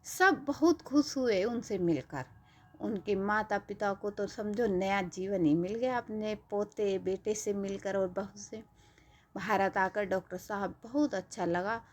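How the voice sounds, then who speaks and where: A woman narrating a devotional story in a gentle, emotive manner. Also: on the high side. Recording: dull lo-fi recording.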